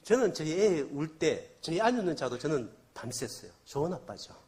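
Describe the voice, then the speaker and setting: A man preaching a storytelling sermon with a slightly high voice that rises and falls with a lot of energy. He keeps asking the congregation questions as he goes. He has a slight cold. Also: normal speed. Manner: animated, asks the congregation questions. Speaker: guest revival preacher.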